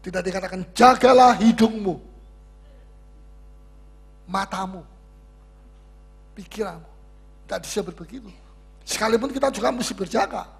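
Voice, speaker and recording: A man with a fairly high, gravelly and husky voice preaching in a Bible study. He is emphatic and conversational, hammering home key words and asking and answering his own questions, and he often adds a wry humorous turn. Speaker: pastor leading Bible study. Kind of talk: sermon.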